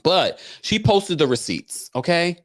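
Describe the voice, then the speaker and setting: A man's voice: a little high, sing-song, unhurried, a bit bright. A man hosting a recap show, talking casually and gossipily to viewers, theatrical and emphatic, repeating phrases for effect. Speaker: host of reality TV recap show.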